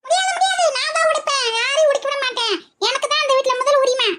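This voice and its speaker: A bossy older woman, as a woman puts her on, shouts her claims in a piercing, very high voice. She rattles along fast and insists on everything twice over. It is a comic family skit. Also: heavy background noise. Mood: stubborn. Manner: shrill, insistent, repeats herself. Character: loud bossy older woman, pushy and stubborn.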